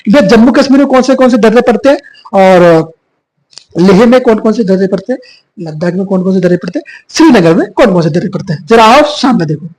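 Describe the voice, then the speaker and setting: A hoarse man, a little husky from a cough, teaches a geography lesson at a whiteboard. He repeats each point and keeps quizzing his students as he goes. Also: high voice, expressive, fast talker, darkish tone, poor audio. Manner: repetitive, quizzing students with filler 'bhaiya'. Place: classroom with whiteboard.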